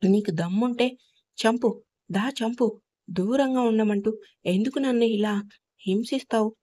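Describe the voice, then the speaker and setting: A woman's voice: fairly high pitch, a little slow, warm tone. A woman voicing a hurt, defiant young wife in an audio story, speaking emotionally. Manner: pleading then defiant, emotional.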